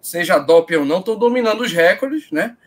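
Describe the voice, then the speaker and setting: A man's voice: sits high, animated, brisk. A man with a Brazilian Portuguese accent hosting a casual live show, addressing people in chummy slang. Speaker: host of a running live stream.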